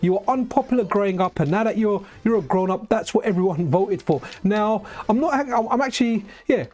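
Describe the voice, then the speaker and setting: A man hosting a live retro gaming stream, chatting excitedly with frequent restarts and asides to his viewers. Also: high-pitched, fairly quick.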